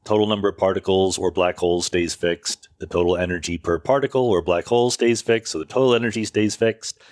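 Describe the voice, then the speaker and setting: Answering listener questions, this podcast host delivers a loose explanatory monologue, often correcting himself, from a makeshift setup away from his home studio. He speaks fairly quickly in a low-pitched, darkish voice, and the recording is dry and studio quality.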